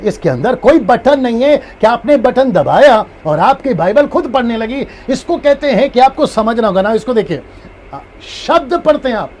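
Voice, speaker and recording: A male pastor gives a live-streamed Bible lesson in an extremely high-pitched voice at normal speed, repeating key points and animatedly acting out different tones of voice. There's a little hiss or hum in the recording.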